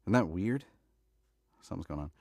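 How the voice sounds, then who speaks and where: A man with a deep, darkish voice, vocal fry, and lively intonation talks fairly quickly despite a stuffy nose from allergies. He hosts a livestream, chatting and laughing before narrating a novel and correcting slips. Studio quality, no echo.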